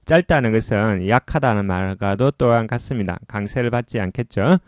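A man teaching English pronunciation, explaining patiently and often pausing with "자" between points. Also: on the low side, darkish tone, no echo, clean studio sound.

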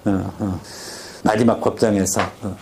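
Male vocabulary teacher, low, dark tone, quizzes the class and drills pronunciation, chatty. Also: little pitch movement, unhurried, creaky, a little hiss or hum. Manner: talkative, drifts into stories.

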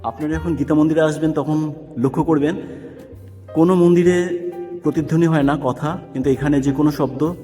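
A man, a travel vlogger, guides viewers slowly through the inside of a stone temple, and his voice echoes around the hall. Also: on the high side, steady tone, mellow, soft background music. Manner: slow, unhurried, pointing things out. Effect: echo of a large stone temple hall. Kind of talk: walking tour narration.

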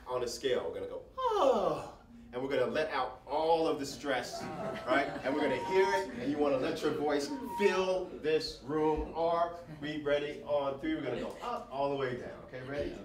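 A medium-pitched man leads a workshop, guiding a group through breathing and voice warm-ups with short, encouraging prompts and frequent checks of "right?". He speaks into a handheld mic in a large room with an audience, sometimes drifting off-mic. The recording is echoey and distant, with audible noise.

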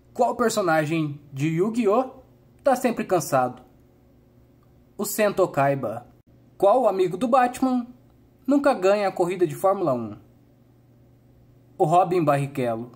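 A young Brazilian man telling dad jokes, riddle and punchline, in a deadpan manner with a husky voice. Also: sits high. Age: young adult. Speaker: comedy channel host.

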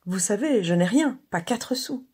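A woman's voice: mid-range voice, animated, darkish tone, slightly rough, voice pushed up. Woman voicing a teasing young working girl. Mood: coy. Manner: brisk, mocking, eager. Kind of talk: dramatized story reading.

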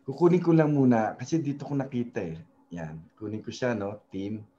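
A man hosts a casual screen-share tutorial on web design, mixing Tagalog and English and talking hesitantly with many fillers and tag questions. His voice is mid-range and warm at a moderate pace, and the recording has its highs cut off.

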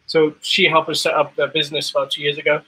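A man from Zimbabwe, a bartender guest, telling his story in relaxed, rambling chat over a video call. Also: on the high side, quick pace, breathy edge, poor audio. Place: dim room at home. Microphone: video call webcam.

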